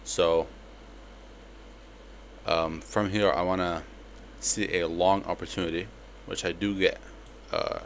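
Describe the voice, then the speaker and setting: A young man with a slight lisp walking through a trade in a casual, relaxed way, with lots of fillers. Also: deep voice, takes it slowly, slight background noise. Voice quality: slight lisp from a palate expander. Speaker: trading educator. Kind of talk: screen-recorded trade breakdown.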